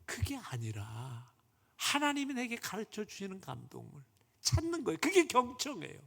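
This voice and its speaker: A male pastor giving a Sunday sermon in a church sanctuary, swinging from loud emphasis down to whispers. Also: high-pitched, huge pitch swings, normal speed, creaky. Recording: long church hall reverb.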